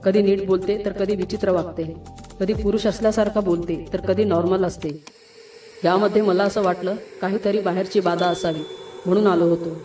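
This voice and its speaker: A woman's voice: mid-range voice, fairly even intonation, moderate pace, mellow, close to an everyday voice. A woman voicing an anxious, polite young man who speaks hesitantly and respectfully. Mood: earnest. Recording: roomy, distant, music behind.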